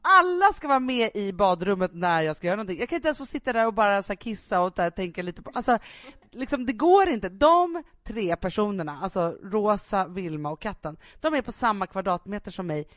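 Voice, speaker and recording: A woman's voice: medium pitch, lively intonation, a bit bright, dry recording. A woman in her thirties, mother of a nine-year-old, co-hosting a casual chat and laughing while she tells family stories. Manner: laughs often, acts out family scenes. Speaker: podcast co-host.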